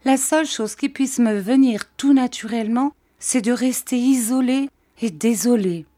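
A woman's voice: a little high, moderate pace, warm tone, pitched above the performer's own voice, lightly acted. A woman voicing a gloomy, self-pitying old widow who whines about her misfortune. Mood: lamenting. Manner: whining, mournful complaint.

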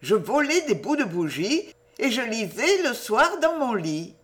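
A woman voicing a giddy, mischievous teenage girl who chatters excitedly in a raised, lively voice. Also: on the high side, a little slow, pitched above the performer's own voice.

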